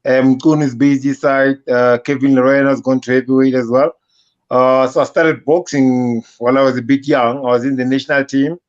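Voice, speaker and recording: Man, boxer guest, hesitant, fillers, mid pitch, dull lo-fi sound. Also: little pitch movement, moderate pace. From South Africa. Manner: hesitant, many "uh" fillers, modest. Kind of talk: casual interview.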